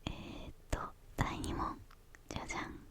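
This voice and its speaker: A young woman whispers in a hushed, airy voice with no real voicing. She talks in ASMR style, answering questions in short phrases. Her delivery is tentative, with small pauses as she finds her words. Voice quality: hushed, breathy unvoiced whisper.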